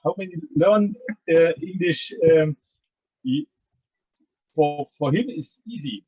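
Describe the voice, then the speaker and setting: A man's voice: on the high side, expressive, slow pace, warm tone, breathy edge, muffled recording. A man learning English, speaking hesitantly in broken sentences on a video call.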